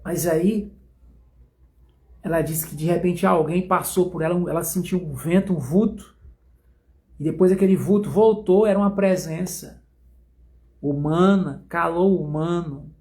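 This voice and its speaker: A man teaching a Bible study in a sermon style, telling stories dramatically with slow, emphatic phrasing. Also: a little high, mellow.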